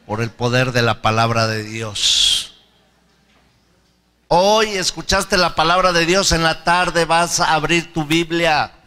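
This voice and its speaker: A man's voice: fairly high pitch, pushed and bright, clear, resonant tone, in a large hall. A male pastor preaching a sermon with fervor. He repeats key phrases and leads the congregation in prayer.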